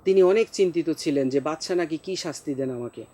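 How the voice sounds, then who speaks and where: High-voiced male teacher, slow drilling. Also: warm tone. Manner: slow, drawn-out model pronunciations for pupils. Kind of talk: classroom lesson on pronunciation.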